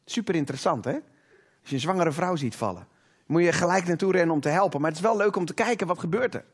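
A man with a notably high, slightly rough voice preaches a sermon to a congregation, fast and expressive. He speaks emphatically, dwells on the words he wants to stress, and keeps engaging the room with rhetorical questions.

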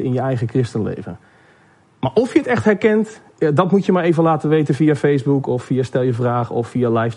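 Husky-voiced man teaching and reading. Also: a little high, a little mellow. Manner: hesitant, many fillers and restarts. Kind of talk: casual teaching, then reading a parable aloud.

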